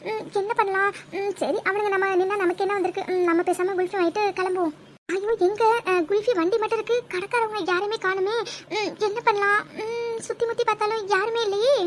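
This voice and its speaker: High cartoon young woman voiced by a performer, squeaky and feisty, scolds loud, faint hiss. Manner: scolds loudly, then cries. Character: frightened, feisty young woman out alone at night.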